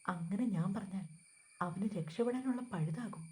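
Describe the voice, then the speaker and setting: A woman reading the part of a calm, vengeful young man who speaks in a controlled, cutting way. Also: medium pitch, normal speed, lightly acted. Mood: coldly mocking.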